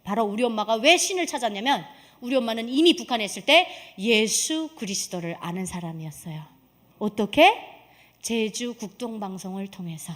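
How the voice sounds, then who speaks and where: Woman, church testimony, emphatic, fairly high voice, lively swooping pitch. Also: moderate pace. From North Korea. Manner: animated and emphatic, with rhetorical questions to the congregation. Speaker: guest giving a testimony in church.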